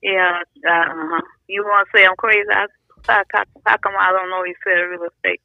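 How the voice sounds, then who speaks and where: A woman's voice: mid-range voice, fairly even intonation, moderate pace, creaky, no room sound, lo-fi sound. A woman, chatting plainly as a guest and giving short, blunt answers. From Alabama. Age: 80s. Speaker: guest, the host's grandmother. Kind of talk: casual family chat.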